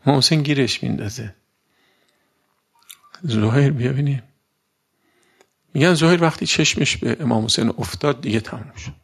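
A male preacher giving a conversational sermon in a gravelly voice with a husky edge. He talks in an everyday way and keeps asking his listeners rhetorical questions. He drags out key words slowly for emphasis. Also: medium pitch, a bit bright. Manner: colloquial, asks the audience rhetorical questions.

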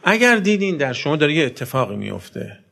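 A man preaching a sermon, swinging between loud emphatic outbursts and soft low passages, and asking his listeners questions directly. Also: sing-song, vocal fry. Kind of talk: religious sermon.

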